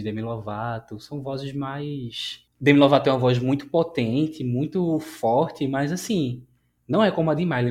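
A man's voice: medium pitch, darkish tone. A man hosting a podcast, chatting casually and enthusiastically. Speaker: podcast host. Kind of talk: casual chat.

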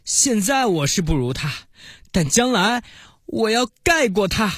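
A man's voice: sits high, very animated, a little slow, a bit bright, no echo, clean studio sound, voice pushed up, exaggerated voice. A man playing a poor young male opera apprentice who speaks bashfully and later stammers defiantly, in a children's storybook reading.

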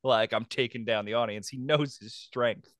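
A man in his thirties co-hosting a podcast, animated and joking, laughing often. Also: mid-range voice, moderate pace, no echo. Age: 30s. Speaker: podcast co-host. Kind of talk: casual chat.

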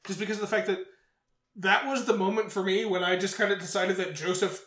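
A young man with a high, bright voice tells anime scenes with blunt swearing and big exaggeration. His voice bounces off the walls of an echoey room. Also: steady tone, quick pace. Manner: swears freely, exaggerated retellings. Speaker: podcast co-host. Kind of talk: casual chat recapping an anime.

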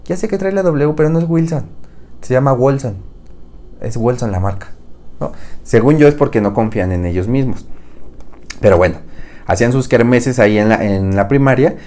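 This young podcast host's medium-pitched, dark voice moves at normal speed yet leaves long pauses. With a Mexican Spanish accent, he tells meandering comic tales in slang as a casual monologue and laughs at his own humor.

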